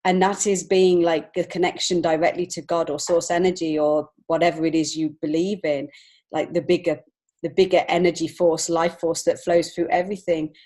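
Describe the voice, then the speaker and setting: A children's author and illustrator in her forties, with an English accent, shares her personal story as a podcast guest. Her fairly low, mellow voice keeps a level tone at normal speed, earnest and reflective.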